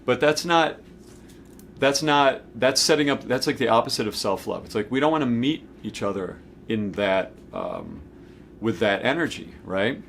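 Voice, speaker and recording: A man's voice: medium pitch, animated, moderate pace, fairly bright tone, a little hiss or hum. A man in his forties gives an informal spiritual teaching talk to camera, conversational and emphatic, checking in with the listener as he goes. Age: 40s. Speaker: host of a spiritual self-help video series.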